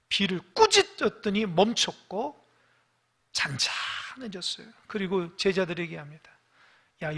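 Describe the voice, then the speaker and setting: A male pastor preaching a sermon in a church. He asks the congregation direct questions and swings between loud, emphatic rises and hushed asides. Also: high voice, slightly rough. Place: church sanctuary.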